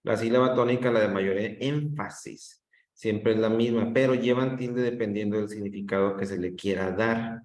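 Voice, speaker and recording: A man's voice: lowish voice, fairly even intonation, darkish tone. A man teaching an online class, drawing out words to show the stressed syllable and often checking in with "¿sí?". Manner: drawn-out demonstrations of stress, frequent checks with "¿sí?". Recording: roomy echo.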